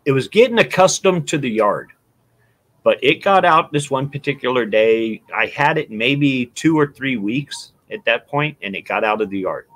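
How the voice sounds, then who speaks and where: Lively-voiced man telling animated stories. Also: mid-range voice, normal speed. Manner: storytelling, animated, acts out quotes. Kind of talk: casual chat.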